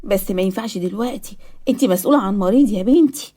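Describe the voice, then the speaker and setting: A woman with an Egyptian accent voicing a gentle, ailing middle-aged mother in a cartoon story, soft and concerned. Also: medium pitch, fast talker, close to an everyday voice. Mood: worried.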